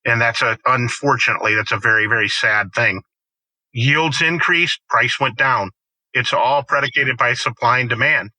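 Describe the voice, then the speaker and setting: A middle-aged man speaks as a guest farmer in a conversational interview. His voice is very bright and forceful, and he punches his points with animated quoted lines. The sound is dry and close. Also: mid-range voice, normal speed, no room sound, rough recording. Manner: storytelling, emphatic, animated quoting.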